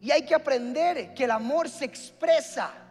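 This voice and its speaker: High-voiced preacher in a hall. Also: male voice, normal speed, a little mellow. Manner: preaching, asks the congregation questions. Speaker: pastor. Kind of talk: sermon. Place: church hall. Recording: long hall reverb with faint music.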